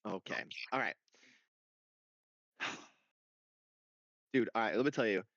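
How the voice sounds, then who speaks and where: A young man in casual podcast chat, telling a game story with excitement and frequent swearing. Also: on the low side, takes it slowly, no echo. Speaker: podcast co-host. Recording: dull lo-fi dry sound.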